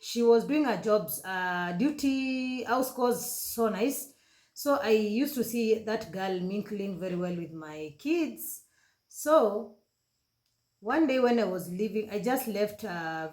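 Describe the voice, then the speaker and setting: A woman in her thirties with a Kenyan accent, telling an emotional personal story on her vlog, halting and correcting herself as she goes, slipping into Swahili. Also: mid-range voice, animated, darkish tone. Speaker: vlogger. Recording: roomy echoey room.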